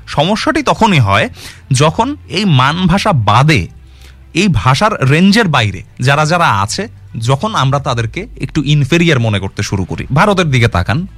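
A man's voice: on the high side, fairly bright tone, dry recording. A man giving an earnest explanatory talk, arguing his point with rhetorical questions and dropping English words into his speech. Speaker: commentator on language.

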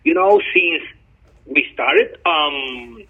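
A man's voice: fairly high pitch, lively intonation, extremely slow, husky. A man from Chile, a guest journalist speaking over the phone in an interview, talking earnestly with many hesitant ums. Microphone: telephone. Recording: tinny phone line.

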